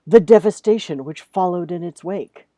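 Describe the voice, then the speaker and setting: In this casual lesson, a woman who teaches writing talks to her class in a low, mellow, conversational way. She puts deliberate emphasis on examples as she reads them, then remarks on them in plain terms, and the audio is dry.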